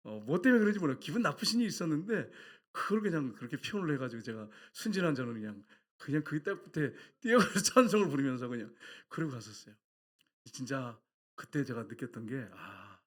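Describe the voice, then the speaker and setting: A middle-aged male pastor preaching a sermon, telling stories with lively energy and shouting out the lines he quotes. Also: mid-range voice. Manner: animated storytelling with shouted quotes.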